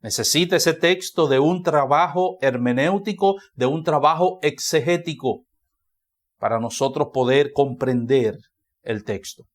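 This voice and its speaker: A man's voice: a little high, unhurried. Man, pastor, Dominican Spanish accent, church sermon, emphatic, repeats phrases for stress.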